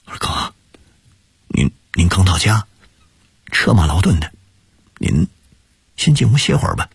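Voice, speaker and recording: A man doing a choked, halting grieving brother. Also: low-pitched, big pitch swings, gravelly, husky, no room sound, clean studio sound, heavily acted. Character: grieving middle-aged brother, tearful and gentle.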